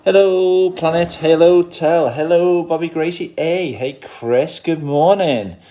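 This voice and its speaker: Here a livestream host with a cold speaks slowly in a slightly high, dark-toned, stuffed-up voice. He greets viewers informally while looking over a fish tank and mutters quietly to himself.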